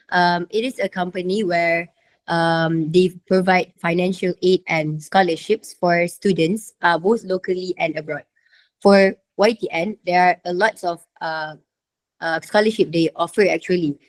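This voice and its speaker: A young woman with a Malaysian accent, sick with a sore throat and fever, giving a hesitant, informal slide presentation as a student. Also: lowish voice. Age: young adult.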